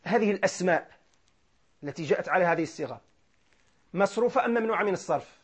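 A man teaching grammar, who asks questions and answers them himself, repeats key terms and slowly recites verses. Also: high-pitched, animated, breathy edge. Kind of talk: classroom grammar lesson. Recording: dull lo-fi lecture recording.

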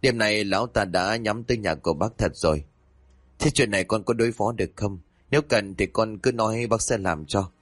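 A man voicing a calm, determined young male exorcist in a spoken ghost story, giving earnest instructions. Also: lowish voice, fairly quick, no room sound, natural voice.

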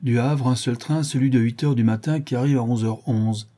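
Man voicing a suave cocky burglar, theatrical, mocking, dark husky voice, audiobook. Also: mid-range voice, steady tone, moderate pace, close to an everyday voice. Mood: scheming.

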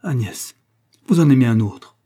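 Casting: a man as an ardent young lover, imploring, mellow and raspy. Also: medium pitch, moderate pace, close to an everyday voice. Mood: passionate imploring. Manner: passionate, imploring.

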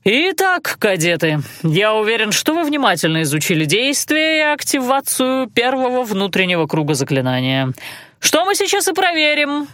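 A woman's voice: mid-range voice, big pitch swings, moderate pace, a bit bright, no room sound, studio quality. A woman reading an audiobook voices a stern male magic instructor who barks commands and makes sarcastic remarks. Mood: stern commanding.

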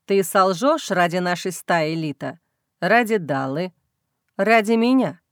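A woman voicing a young male werewolf alpha, intense and tender, in a lowered, hushed voice for an audiobook. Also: lively intonation, normal speed, no room sound, studio quality, lightly acted. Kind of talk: audiobook reading.

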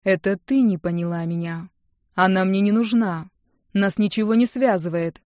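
A woman reading an audiobook, voicing a sullen, stubborn young man who answers tersely and flatly. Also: medium pitch, unhurried, dry recording, clean studio sound, close to an everyday voice. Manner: flat, terse and defiant.

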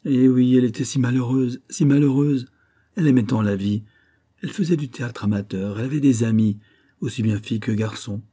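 A man's voice: brisk, slightly rough, natural voice. A man voicing a grieving older mother who speaks with raised, emotional intensity. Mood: sorrowful. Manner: raised pitch, louder, emotional.

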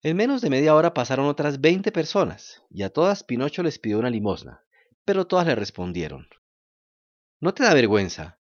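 A man reading a children's story aloud in an expressive storytelling style. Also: fairly high pitch, fairly quick, no echo, dull audio. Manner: animated, lively storytelling.

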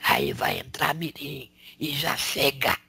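A man channeling a male spirit who preaches in a slangy, raspy whisper, tagging lines with rhetorical questions. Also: medium pitch, wildly swooping pitch, takes it slowly, sharp tone, exaggerated voice. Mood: preaching. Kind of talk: spiritual counsel.

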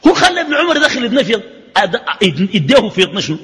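A man's voice: sits high, big pitch swings, fast talker, sharp tone. A man with a Sudanese Arabic accent teaching a religious lesson, arguing through a stream of rhetorical questions. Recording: echoey hall reverb.

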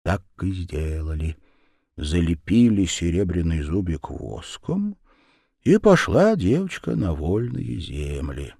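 A man narrating a fairy tale in a slow, lively storytelling manner. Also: low voice, gravelly, no room sound, studio quality.

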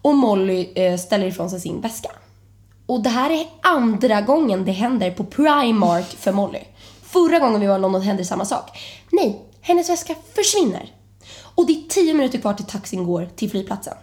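On a podcast, a young woman recounts a chaotic trip in casual conversation. She is animated, and her voice leaps to a high, excited pitch as she acts out the panic.

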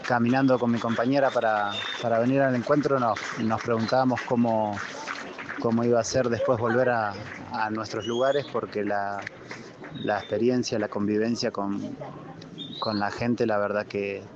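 A man's voice: mid-range voice, little pitch movement, normal speed, noisy background. A man with an Argentine accent speaking hesitantly, with many restarts, at an outdoor community gathering. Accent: Argentine Spanish. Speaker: event participant. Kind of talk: vox-pop interview. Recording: lo-fi outdoor field recording with crowd.

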